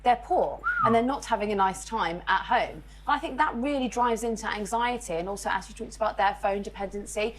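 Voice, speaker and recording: This is a woman panelist in a studio debate, talking quickly in a mid-range voice. She presses her argument briskly. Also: medium pitch, poor audio.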